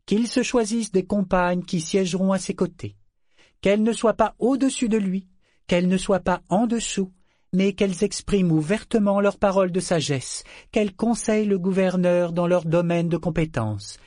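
A man's voice: sits high, normal speed, dark tone, dry recording, studio quality, pitched above the performer's own voice, natural voice. Storybook heroine, proud and icy, as a man puts her on in a lifted voice, reciting with formal poise. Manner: ceremonious, cold, reciting formally. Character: proud, defiant young woman counselor.

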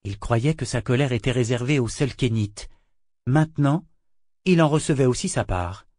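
A man narrating a novel in a measured, even storytelling voice. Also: medium pitch, dry recording, studio quality. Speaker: audiobook narrator. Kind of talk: scripted narration.

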